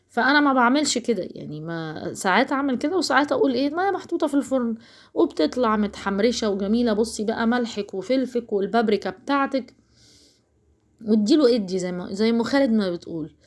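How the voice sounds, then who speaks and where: Woman, Alexandrian Egyptian accent, cooking vlogger, rapid casual chatter, slightly high voice, talks straight to viewers. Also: a little mellow. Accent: Alexandrian Egyptian Arabic. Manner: chatty, rambling, addresses viewers directly.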